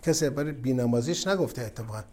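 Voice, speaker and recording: A man giving a religious sermon, telling a story and moving from quiet asides to forceful exhortation. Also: medium pitch. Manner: storytelling, swings from soft asides to emphatic exhortation. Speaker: cleric.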